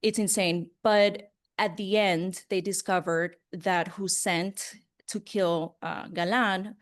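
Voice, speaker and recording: A woman's voice: medium pitch, steady tone, takes it slowly. A woman telling personal stories as a journalist being interviewed, in an earnest, conversational way with emphasis on key words. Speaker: interview guest, broadcast journalist. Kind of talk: casual personal storytelling in an interview.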